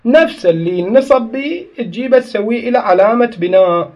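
A man's voice: extremely high pitch, animated, brisk, highs cut off. A man teaches a grammar lesson. He explains each point step by step, asks questions and answers them himself, and stops to correct his own slips. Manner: corrects himself mid-sentence.

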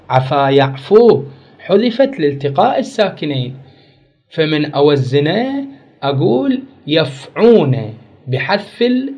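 A man's voice: on the high side, darkish tone. A man teaching an Arabic grammar lesson, repeating key words and quizzing his class with questions. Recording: dull lo-fi recording.

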